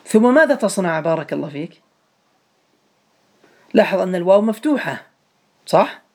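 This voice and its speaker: A man's voice: high voice, very animated, moderate pace. A man teaching a grammar lesson to a class, patiently repeating each step and calling on students by name.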